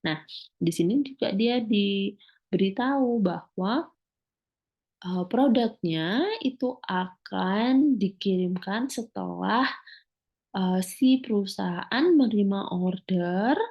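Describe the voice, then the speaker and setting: A woman teacher giving a recorded lecture, explaining slowly with many filler sounds and reading English phrases aloud before translating them. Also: medium pitch, muffled recording.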